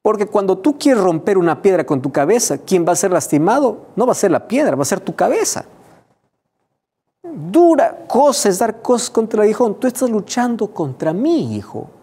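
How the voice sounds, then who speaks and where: A man's voice: very animated, normal speed, husky, full character voice. Jesus, a preacher acting stern and fatherly. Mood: stern warning. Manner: emphatic, scolding, louder and higher.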